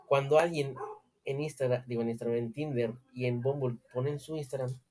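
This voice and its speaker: A man's voice: mid-range voice, fairly even intonation, fairly quick, darkish tone. Joking Mexican man in casual banter. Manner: joking, swearing, laughs often. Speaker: podcast co-host. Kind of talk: casual chat reviewing dating profiles.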